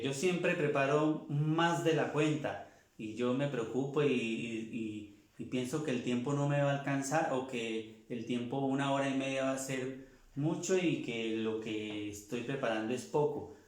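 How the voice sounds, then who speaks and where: A man teaching a language class, slowly repeating and sounding out each word for his students. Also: mid-range voice, heavy reverb. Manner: slow, repeats words, sounds them out. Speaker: French teacher.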